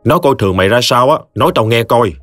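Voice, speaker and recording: A man's voice: mid-range voice, animated, quick pace, fairly bright tone, no room sound, faint music behind, lightly acted. A man voicing a stern, reasoning older brother with a Southern Vietnamese accent, speaking reprovingly.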